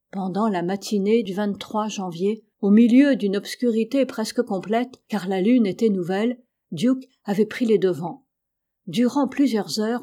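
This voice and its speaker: Mellow-voiced woman reading an audiobook. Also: medium pitch. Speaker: audiobook reader. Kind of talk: audiobook narration.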